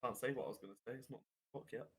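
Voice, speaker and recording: A man in the middle of pitch chats playfully with his tabletop game group and cracks jokes between turns. His talk is loose and casual. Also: very fast, husky, rough recording. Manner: joking, playful. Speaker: player.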